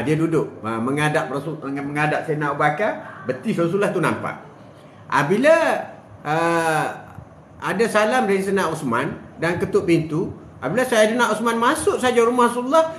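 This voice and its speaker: An older man giving a casual religious talk, animated and full of rhetorical questions, joking with people in the room. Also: high voice, brisk, slight background noise. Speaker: religious speaker. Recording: roomy echo with faint ambience.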